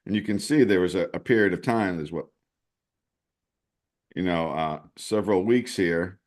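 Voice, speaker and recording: On a casual crypto program, this male co-host goes over screen-shared charts, reasoning aloud with frequent restarts. He sounds low-pitched and slightly mellow, speaking at a moderate pace.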